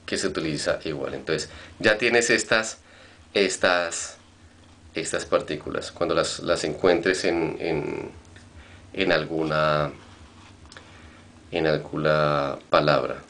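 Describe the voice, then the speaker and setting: A man's voice: rumbling low, slow, long pauses, fairly bright tone. A man teaching Hebrew vocabulary in a recorded lesson, patiently repeating and spelling out words.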